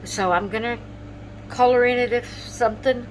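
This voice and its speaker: A woman's voice: a little high, fairly even intonation, normal speed, slight background noise, rough recording. A woman chatting casually to her camera at home about her coloring pages, drowsy and yawning, apologizing and trailing off mid-sentence. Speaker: vlogger showing coloring pages.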